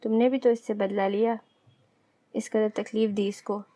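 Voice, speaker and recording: A woman voicing a young man's inner heart, which questions him and gently reproaches him. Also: medium pitch, flat delivery, lightly acted. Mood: probing.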